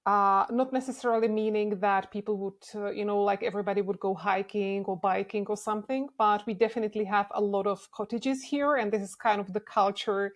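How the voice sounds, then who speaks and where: A woman's voice: medium pitch, brisk, hardly any pauses. Candid young Czech woman guest. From Czech Republic. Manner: relaxed and candid, with frequent restarts and laughs. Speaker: interview guest. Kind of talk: casual conversational interview.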